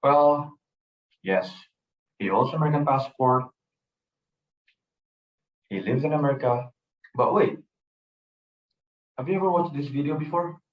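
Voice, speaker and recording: A man's voice: a little high, unhurried, long pauses. A young man from Indonesia gives an earnest personal presentation, telling his story and often repeating phrases. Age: young adult. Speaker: student presenter. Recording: roomy, distant, dull sound.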